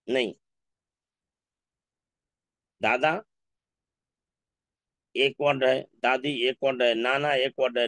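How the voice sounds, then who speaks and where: A man teaching an Urdu class, going through word lists slowly and repeating each word. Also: mid-range voice, a bit bright, no room sound. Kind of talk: classroom lesson.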